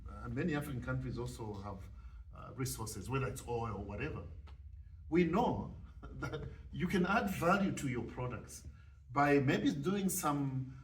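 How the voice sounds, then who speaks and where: A man from Zambia with a Zambian accent, speaking thoughtfully on a panel discussion and pausing often with fillers. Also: mid-range voice, animated. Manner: thoughtful, halting with many fillers. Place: event hall at a panel discussion. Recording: distant mic, faint room noise.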